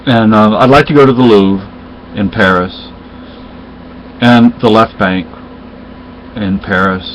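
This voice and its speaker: A fairly low-pitched middle-aged man, Spanish by birth and first language, rambles through casual storytelling. He halts and restarts frequently, and the dull lo-fi audio has a slight hiss or hum.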